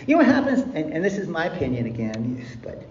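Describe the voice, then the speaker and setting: A man's voice: on the high side, huge pitch swings, fast, darkish tone. A middle-aged man from California gives a blunt, profane, impassioned recovery talk to a convention crowd, repeating lines for emphasis. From California, USA. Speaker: guest speaker at a recovery convention. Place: large convention hall. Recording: echoey hall, distant, dull lo-fi, faint hiss.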